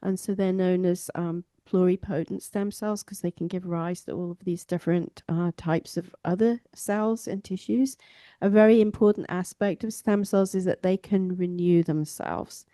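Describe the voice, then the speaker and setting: Addressing lay listeners before an audience, an English guest speaker who works as a stem cell biologist explains science informally. She speaks at a moderate pace in a lowish, dark voice with fairly even intonation, and the recording has no echo.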